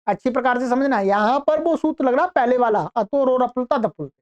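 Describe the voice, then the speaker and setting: A woman teaching Sanskrit grammar online, explaining patiently step by step and drawing out example words slowly. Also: high voice, darkish tone. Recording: dull lo-fi recording.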